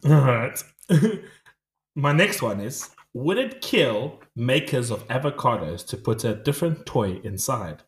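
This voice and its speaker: A man's voice: medium pitch, expressive, slow pace. A man with a Scottish accent hosting a podcast with casual, joking banter, recorded with an echoey room sound. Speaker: podcast host. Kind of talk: casual banter and corny jokes.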